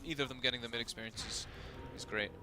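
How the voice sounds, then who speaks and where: A man giving analytical esports color commentary, talking fast with many fillers like "like" and "you know". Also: medium pitch, steady tone, pushed and bright, a little hiss or hum.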